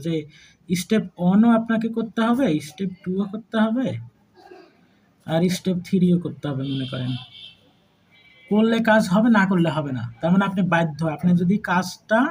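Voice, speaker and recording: A man's voice: sits high, a little mellow, husky, low-quality recording. A man with a Bangladeshi Bengali accent teaching a math lesson to students in a chatty way. He mixes in English terms and keeps asking whether the class follows him. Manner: conversational, mixes English terms, checks understanding with repeated questions.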